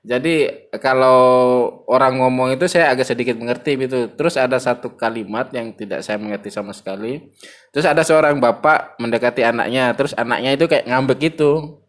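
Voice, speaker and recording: A man in casual chat, joking and telling animated stories. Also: mid-range voice, brisk.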